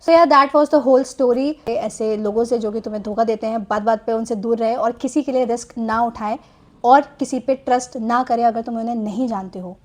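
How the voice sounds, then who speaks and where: A young woman tells a personal story in a relaxed, chatty vlog style. Her voice sits high. She drops English phrases into her speech and keeps adding small fillers as she goes. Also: a little fast. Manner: chatty, mixes Hindi with English phrases, frequent "theek hai" fillers. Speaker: storytime vlogger. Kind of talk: casual storytelling monologue.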